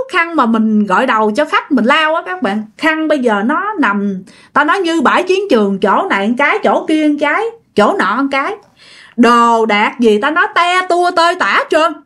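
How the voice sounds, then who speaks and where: Telling ghost stories in a casual narration, this chatty Southern Vietnamese storyteller addresses her listeners directly. Her voice is high-pitched and a bit bright, with lively intonation at a normal speed.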